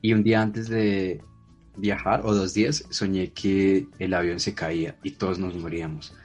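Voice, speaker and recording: A man's voice: low voice, flat delivery, normal speed, darkish tone, soft background music. A man chatting casually, telling a story in a self-deprecating way. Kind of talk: casual chat.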